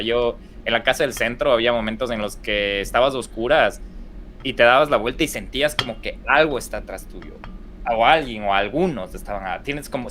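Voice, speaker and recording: As a podcast guest, a young man with an Ecuadorian Spanish accent tells stories casually, rambling through fillers and restarts. He has a mid-range, fairly bright voice, and there is slight background noise.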